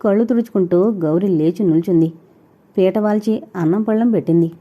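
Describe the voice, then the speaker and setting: A woman narrating a novel in a steady, even storytelling manner. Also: mid-range voice, fairly quick, highs cut off. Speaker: audiobook narrator.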